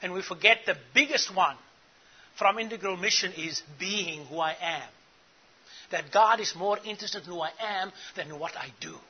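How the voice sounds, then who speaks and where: At normal speed and with a breathy edge to his high-pitched voice, a middle-aged South African conference speaker earnestly instructs church leaders and puts questions to them. The recording sounds muffled.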